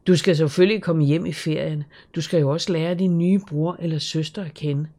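A narrator voicing a gentle, caring middle-aged father in an audiobook, speaking earnestly and reassuringly. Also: a little high, fairly even intonation, lightly acted. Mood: tender. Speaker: audiobook character.

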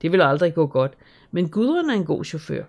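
Narrator doing a caring father, middle-aged man, earnest, reassuring, gravelly, storybook. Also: fairly high pitch, sing-song, darkish tone, heavily acted. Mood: friendly. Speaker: audiobook character.

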